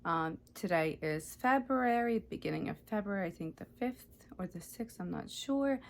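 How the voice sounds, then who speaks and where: Ukrainian-born woman, 30s, knitting vlog host; chatty, slow, self-correcting, slightly gravelly. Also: medium pitch. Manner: chatty, self-correcting, often unsure of details. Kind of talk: casual show-and-tell vlog.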